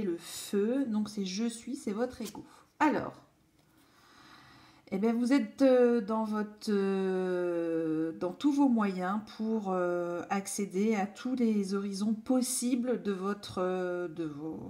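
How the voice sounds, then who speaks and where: A woman's voice: mid-range voice, a little mellow. A woman giving a casual, enthusiastic tarot reading, hesitating often with fillers and restarts. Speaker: tarot reader.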